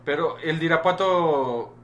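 A man's voice: fairly high pitch, measured pace, a bit bright, dull audio. A Mexican man co-hosting a casual podcast, teasing and full of slang. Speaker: podcast co-host. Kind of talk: casual chat. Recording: echoey room with clear chatter behind.

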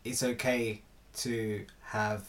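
A man's voice: lowish voice, little pitch movement, slow pace. A man in a casual philosophical chat, thinking aloud with hesitant restarts.

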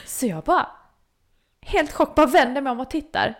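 A woman's voice: sits high, animated. A young woman co-hosting a casual chat podcast, telling stories with animation and acting out her own reactions. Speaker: podcast co-host.

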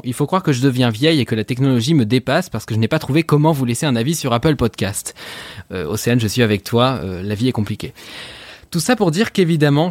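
A man's voice: mid-range voice, no echo. Joking man on a podcast, dry close sound. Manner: joking and self-mocking. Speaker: podcast co-host. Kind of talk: casual podcast chat.

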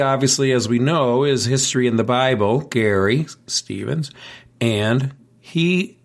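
A man hosting a history podcast, upbeat and rambling, often laughing. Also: mid-range voice. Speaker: podcast host. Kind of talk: casual podcast chat.

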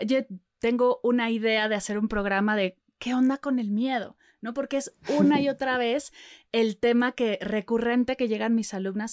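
A woman podcast host asking animated, emphatic questions in a conversational interview. Her voice is fairly high, and the recording is dry and close, with no room sound around it. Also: no echo.

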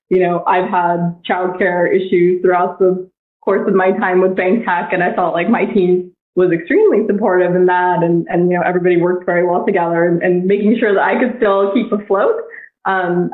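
A woman in her thirties talks casually on a podcast, often pausing and restarting her phrases. Her voice comes through a narrow, phone-like line. The room around her sounds echoey. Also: lowish voice. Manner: thoughtful, frequent restarts and fillers. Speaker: guest, bank technology head.

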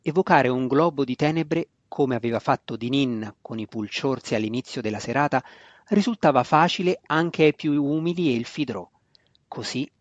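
A man reading a fantasy novel aloud in a steady, measured scripted narration. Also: mid-range voice, no echo. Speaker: audiobook narrator. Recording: dry, slightly dull lo-fi recording.

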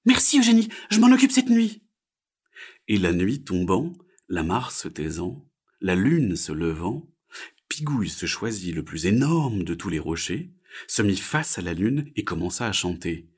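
A man reading a children's story aloud in an expressive, gentle way. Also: deep voice, a little slow, husky.

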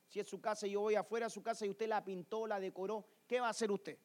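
A man's voice: high voice, fairly even intonation, fast talker, a little mellow. A man preaching a sermon to a congregation in a church, telling stories and firing rhetorical questions at the listeners.

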